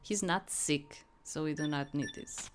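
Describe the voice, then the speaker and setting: A let's play host gives casual, rambling commentary as she plays a game, reading dialogue aloud, sounding hesitant and often trailing off. Her voice is low and a little slow, with some hiss or hum in the recording.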